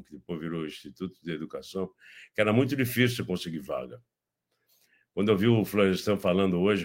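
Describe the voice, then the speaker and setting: An older man from Brazil with a Brazilian Portuguese accent, chatting casually on a political show and telling rambling anecdotes with many restarts. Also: low-pitched. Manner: rambling, repeats words and restarts, animated anecdotes. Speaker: guest commentator.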